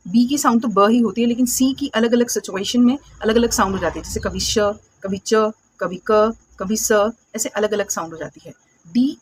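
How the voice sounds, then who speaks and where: Higher-voiced woman teaching phonics. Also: slightly rough, dry recording. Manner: asks questions and answers them herself, repeats words slowly; patient, calls viewers "my dear friends" and "beta". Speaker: English teacher. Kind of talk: classroom phonics lesson.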